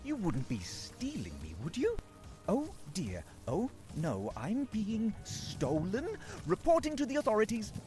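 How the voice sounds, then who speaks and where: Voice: mid-range voice, wildly swooping pitch, measured pace. An actor voicing a fussy, polite spaceship computer that glitches and keeps throwing error messages in a formal, announcer-like way. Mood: glitching. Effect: glitching robot voice throwing error messages. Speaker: in-game ship computer. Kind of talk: video game character dialogue. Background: loud game music.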